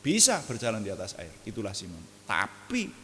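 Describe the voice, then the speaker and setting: A man preaching an evening prayer sermon, animated and jokey, often laughing at his own asides. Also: on the low side, a little fast, big-room sound, slight background noise.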